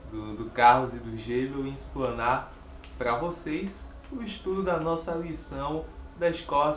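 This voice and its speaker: A man with a Bahian Brazilian accent explaining a Sabbath School Bible lesson in an earnest, measured teaching manner. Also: mid-range voice, reverberant, dull audio, slight background noise. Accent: Bahian Brazilian Portuguese. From Salvador, Bahia, Brazil.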